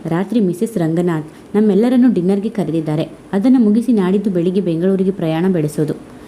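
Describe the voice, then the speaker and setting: A woman voicing a caring, practical, motherly middle-aged woman who speaks briskly. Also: on the low side, mellow, a little hiss or hum, natural voice. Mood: matter-of-fact.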